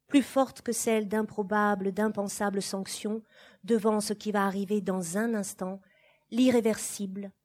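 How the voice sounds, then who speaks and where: A woman reads a novel aloud at an unhurried, deliberate pace. Her voice is soft and breathy. The reading is measured and expressive, rising in force on some phrases and sinking to near-hush on others. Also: mid-range voice. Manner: measured, expressive reading with sudden swells and hushed drops. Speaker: reader of a novel. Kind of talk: literary audiobook reading.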